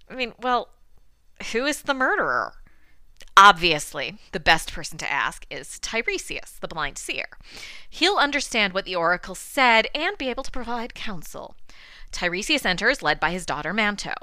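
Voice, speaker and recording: Bright-voiced woman hosting a classics podcast. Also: on the low side, no room sound. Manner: wry, dry asides. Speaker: podcast host teaching classics. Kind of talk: scripted podcast lecture.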